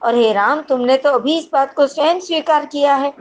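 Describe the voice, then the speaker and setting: A woman's voice: high-pitched, muffled recording. A woman teacher explaining a poem in a lesson, reading each verse aloud and then paraphrasing it carefully. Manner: reads verse lines aloud, then paraphrases them deliberately.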